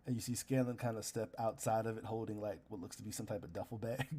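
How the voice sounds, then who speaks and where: A man's voice: fairly low pitch, fairly even intonation, quick pace, mellow, slightly rough. A man narrating a tabletop game as game master, improvising in a casual, slangy way.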